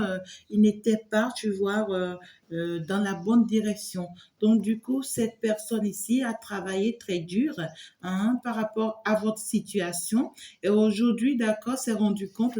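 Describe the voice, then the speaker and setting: A woman's voice: mid-range voice, warm tone, echoey room, slight background noise. A woman doing a spoken tarot reading for the viewer, rambling with lots of filler words and often checking that the listener follows. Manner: loose and rambling, full of filler words and repeated "here". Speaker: tarot reader and medium.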